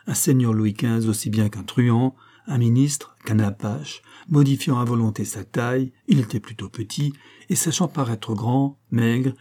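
A man narrating an audiobook in a measured, even storytelling manner. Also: mid-range voice. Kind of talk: scripted narration.

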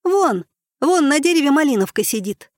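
A man voicing a squeaky female squirrel in a storybook reading, high and piercing, tattling and excitable, with a dry close sound. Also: normal speed, no echo. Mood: curious.

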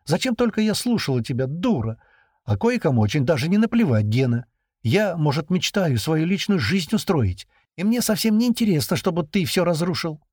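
A man's voice: fairly high pitch, big pitch swings, moderate pace, a little mellow, slightly rough, no room sound, clean studio sound, voice pushed up. A man reading aloud and voicing a naive, chatty young woman who pleads and takes offence easily. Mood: hurt.

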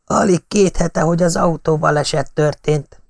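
A man's voice: on the high side, steady tone, gravelly, no echo, clean studio sound, voice pushed up. A man voicing a frightened, deferential old butler. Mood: fearful. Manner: anxious, deferential.

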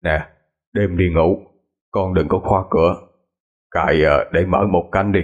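A man's voice: sits low, fairly even intonation, moderate pace, highs cut off, natural voice. A man doing a sly old fortune teller. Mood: hushed. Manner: hushed, knowing.

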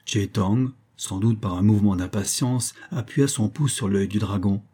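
Male audiobook narrator, husky timbre, measured somber storytelling. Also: lowish voice, warm tone. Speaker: audiobook reader. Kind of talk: scripted narration.

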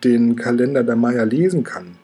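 An earnest male dragon from the council who speaks formally, as a man reads him aloud. The tone is dark and warm, with a breathy edge. It is read for a children's audiobook. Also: medium pitch, normal speed, faint music behind, natural voice.

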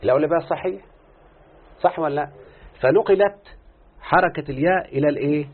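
Egyptian man teaching, tinny husky recording. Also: on the high side, quick pace. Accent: Egyptian Arabic. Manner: questioning students, drawing out answers. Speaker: teacher of Arabic morphology. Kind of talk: classroom lesson explaining grammar.

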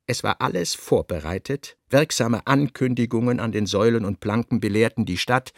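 A man narrating a literary audiobook in a measured, expressive storytelling manner. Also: lowish voice, dry recording, studio quality.

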